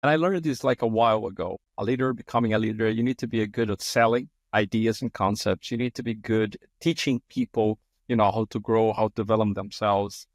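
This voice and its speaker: A Brazilian man hosts a podcast interview in English, his second language, with a Brazilian Portuguese accent. His fairly low voice holds a steady tone and moves a little fast with few pauses. He is effusive, often restarting sentences and repeating words, and the sound is clean studio audio with no echo.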